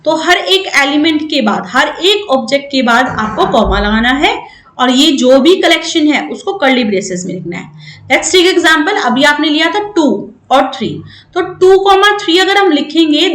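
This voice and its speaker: A woman's voice: high-pitched, animated, a little slow, fairly bright tone, roomy sound. A woman with an Indian accent teaching maths step by step, switching between English and Hindi and often checking in with "right?". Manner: explains step by step, checks in with 'right?'. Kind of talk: classroom lesson mixing English and Hindi.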